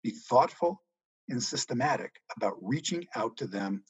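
A middle-aged man answering interview questions about money in a measured, reassuring way. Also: medium pitch, animated, breathy edge, no echo, poor audio. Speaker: guest economics journalist.

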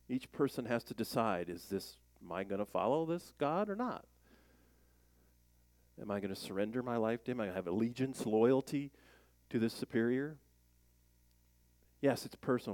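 A man pastor giving a conversational sermon, plain-spoken and animated, asking the congregation questions as he reads scripture. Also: medium pitch, brisk, dry recording.

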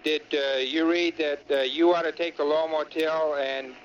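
A man speaking over a radio transmission that crackles and cuts out, in clipped radio procedure with halting fillers. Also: on the high side, steady tone. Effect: crackly radio transmission cutting out. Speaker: mission radio communicator. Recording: noisy lo-fi archival radio.

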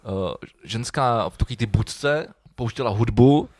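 A man chatting casually as a co-host, easygoing and quick to laugh. His talk is peppered with swearing. The sound is dry and close, with no room around it. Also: medium pitch, a little mellow, dry recording. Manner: laid-back, swears often, laughs while talking. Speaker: podcast co-host. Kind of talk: casual chat.

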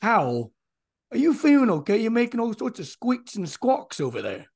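A man voicing a friendly, folksy dwarf adventurer in a tabletop game, with a husky voice and a chummy, informal manner. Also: extremely high pitch, huge pitch swings, moderate pace, a little mellow, heavily acted. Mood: concerned.

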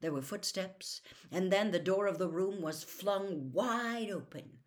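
A woman's voice: mid-range voice, measured pace. A woman reading a novel aloud as a storyteller, dramatic and dropping to a whisper for suspense.

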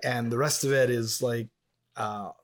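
A man's voice: medium pitch, steady tone, unhurried. Chatty man from Montreal. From Montreal, Canada. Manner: chatty, rambling storyteller. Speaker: podcast co-host. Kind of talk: casual podcast chat.

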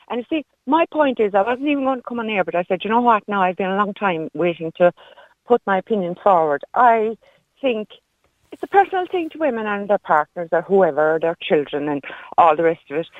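A woman's voice: mid-range voice, big pitch swings, brisk, no room sound. A woman in her fifties with a Kerry Irish accent, giving blunt, emphatic, no-nonsense opinions as a caller to a radio phone-in. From Ireland. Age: 50s. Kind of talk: opinionated casual chat. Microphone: phone call. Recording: muffled narrow-band phone line.

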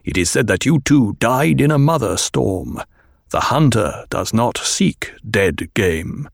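Man doing a gravelly, stern desert chieftain. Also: fairly low pitch, expressive, no echo, studio quality, heavily acted. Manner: slow, grave, deliberate. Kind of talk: audiobook reading.

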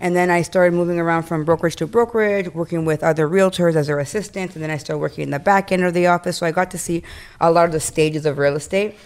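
A woman's voice: lowish voice, fairly even intonation, quick pace, a little mellow. A young woman from Canada, a realtor and studio owner, chatting casually in an interview with plenty of "like" and "um" fillers.

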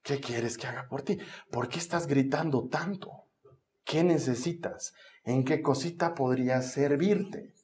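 A man voicing Jesus as a gentle, patient teacher, quietly asking questions. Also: medium pitch, huge pitch swings, moderate pace, hardly any pauses, slight background noise, pitched below the performer's own voice. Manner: soft, patient.

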